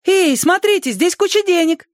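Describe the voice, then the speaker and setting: A man voicing a sly spirit hiding inside a small boy, with a high, gleeful, wheedling childish voice. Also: expressive, normal speed, no echo, studio quality.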